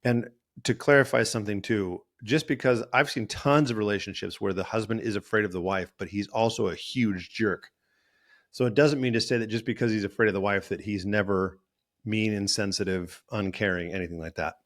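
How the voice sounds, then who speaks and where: A man's voice: on the low side, steady tone, a little fast. A male therapist and podcast host talking in a casual, rambling monologue, often correcting himself mid-sentence. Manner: rambling, self-correcting, acts out quoted voices.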